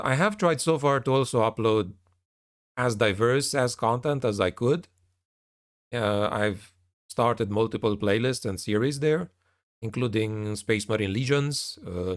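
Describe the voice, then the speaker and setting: A man speaking casually to his viewers as a channel creator, in a hesitant, rambling, somewhat frustrated way. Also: fairly low pitch. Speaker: YouTube narrator and channel creator. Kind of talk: casual spoken update to viewers.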